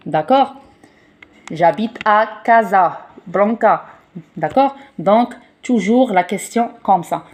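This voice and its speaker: A woman's voice: medium pitch, lively intonation, slow pace, darkish tone. A Moroccan woman teaching a beginners' French lesson, a native Arabic speaker with a Moroccan accent, patiently repeating examples and often checking for understanding.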